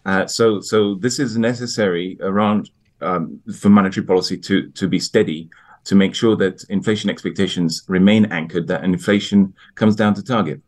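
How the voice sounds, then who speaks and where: A man answering broadcast interview questions on economics as an expert guest, in a halting, hesitant manner with repeated words. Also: sits low, fairly even intonation, darkish tone. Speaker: economist guest, IMF research division head.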